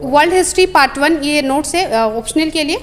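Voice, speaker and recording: With a high, lively voice at a fairly quick pace, a woman from a coaching institute walks through study notes booklet by booklet. She repeats phrases and hesitates frequently, over slight background noise.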